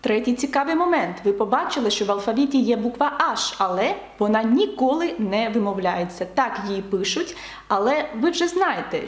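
Woman teacher explaining in a roomy space. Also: a little high. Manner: explaining and emphasizing examples. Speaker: French teacher. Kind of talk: online lesson for beginners.

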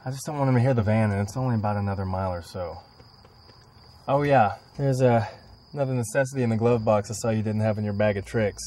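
A man's voice: on the low side, fast, dark tone, close to an everyday voice. An actor playing a sarcastic young man who teases his friend in a dry, mocking way. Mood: plain.

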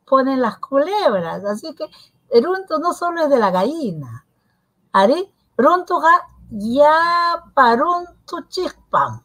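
A woman, co-hosting a televised language lesson, explaining words in an unhurried way and pausing to search for examples. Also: high voice, fairly bright tone, rough recording. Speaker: co-host.

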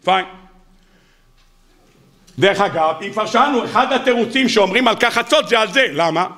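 Speaking with an Israeli Hebrew accent in a high-sitting voice, a rabbi delivers a lively, joking weekly Torah sermon to a congregation in a synagogue or study hall. He often poses questions to the audience and answers them himself, and he acts out quoted speakers in a raised, mocking voice.

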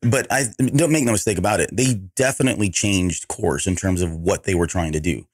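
Hoarse male podcast host, lowish voice, dry close mic, casual rambling chat. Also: a little fast, no echo. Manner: rambling, self-correcting, relaxed. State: hoarse from allergies.

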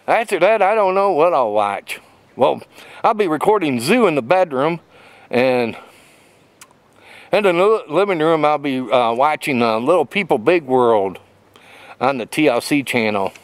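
A man's voice: on the high side, expressive, measured pace, long pauses, no echo. A middle-aged man vlogging in a casual ramble with many fillers, walking a wooded trail and filming himself on a handheld camera. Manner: rambling, lots of fillers and restarts; walking while talking. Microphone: phone camera held at arm's length.

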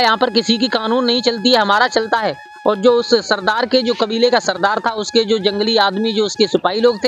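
A man's voice: high-pitched, fairly bright tone. A man telling a folk tale in a homely way, calling his listeners brother. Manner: folksy, addresses listeners as brother. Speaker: storyteller. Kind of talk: folk storytelling.

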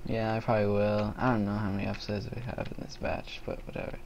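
A young man hosting a casual game recording, excitable and quick to react. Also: on the low side, lo-fi sound, slight background noise. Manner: excitable, easily startled. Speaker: gaming channel host.

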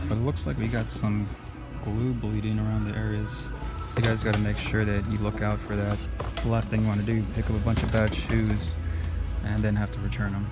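A man casually narrating while browsing a store, reading out prices in an offhand way with fillers. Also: lowish voice. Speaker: sneaker reseller vlogger. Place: inside a retail store. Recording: loud store music behind. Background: loud music.

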